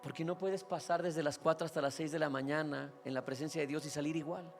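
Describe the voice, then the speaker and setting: Mexican pastor preaching conversationally. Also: male voice, fairly high pitch, fairly even intonation, brisk, creaky, soft background music. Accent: Mexican Spanish. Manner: conversational preaching, checks in with listeners. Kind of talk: sermon.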